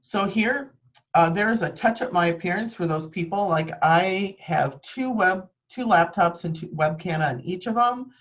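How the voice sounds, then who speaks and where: Here the trainer's pitch is fairly low and her speed normal as she walks people through a live video-call session from her green-screen home office. Her explanations are practical and full of ums, and the webcam microphone cuts off the highs.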